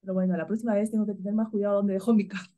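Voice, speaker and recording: A woman's voice: mid-range voice, level tone, rapid-fire. A woman from Peru, a spiritual guide, talking casually and telling everyday stories with frequent laughter. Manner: warm, spontaneous storytelling with frequent laughs.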